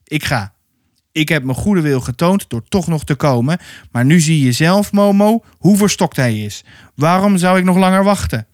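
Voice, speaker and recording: A man reading aloud, voicing a strong, hot-tempered mason who shouts in indignant anger. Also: on the high side, lively intonation, normal speed, no echo, clean studio sound, lightly acted. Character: burly angry male mason, hot-tempered.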